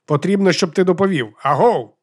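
Brief: curt deputy on the radio, clipped and pushy, voice pitched up, read by a man, dry sound. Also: a little fast, no room sound. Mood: curt urgent. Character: male deputy calling over a crackly radio.

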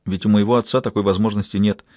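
Male reader doing a scared young woman reporter: tense hushed lines, lowish voice, dry sound. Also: fairly even intonation, quick pace, no echo, close to an everyday voice. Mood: rueful. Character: frightened young woman journalist. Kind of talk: audiobook dialogue.

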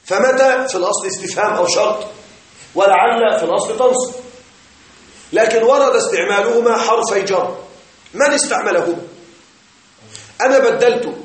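A man teaching a grammar lesson in a classroom, explaining slowly, repeating points and checking that his students follow. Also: sits high. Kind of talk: classroom lecture on Arabic grammar. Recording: very echoey room, voice far from mic.

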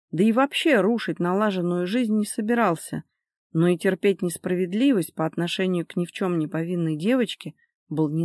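A woman narrating an audiobook in an even, measured reading. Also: on the low side, dry recording, studio quality.

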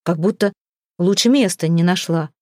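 A woman's voice: mid-range voice, moderate pace, a little mellow, no echo, clean studio sound, lightly acted. A woman reading the part of a jealous, hot-tempered young man, a king's heir, speaking with irritation and scorn. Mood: irritated.

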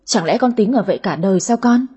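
A woman's voice: mid-range voice, animated, fast, warm tone, breathy edge. A woman voicing a nagging, fussing middle-aged mother in an audio story. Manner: nagging, complaining.

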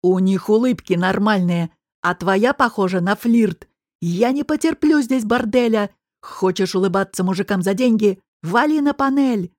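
A woman reading an audiobook voices a bullying male restaurant boss who barks threats in a lowered, slow voice. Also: a little mellow, dry recording, studio quality, lightly acted. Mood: furious. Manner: barking, threatening.

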